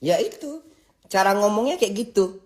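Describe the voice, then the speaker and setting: Hosting a livestream, a woman rants in a casual, scolding way, stumbling and restarting often. Her voice is mid-range and a bit mellow, with lively intonation.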